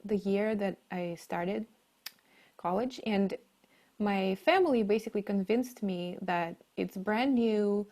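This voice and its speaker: Speaking slowly in a mid-range voice with a darkish tone, a Russian-accented woman from Siberia responds conversationally as an interview guest. She works as a marketing leader and coach.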